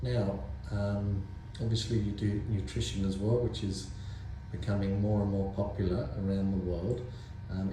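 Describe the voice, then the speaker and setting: A man hosts the interview with a very dark, mellow voice and asks relaxed questions full of fillers. The room is strongly echoey. Faint noise sits underneath. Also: fairly low pitch. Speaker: interviewer host.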